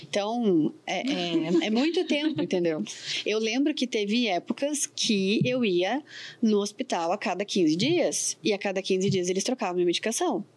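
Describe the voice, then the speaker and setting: Woman, podcast guest, chatty, storytelling, mid-pitched. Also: animated, normal speed, a little mellow. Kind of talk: casual podcast conversation.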